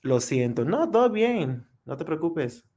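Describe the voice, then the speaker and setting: Hosting a relaxed live practice stream, this man, a native English speaker, responds to viewers in both English and Spanish at an easy, friendly pace. His voice sits on the high side, a little mellow, with big swings in pitch.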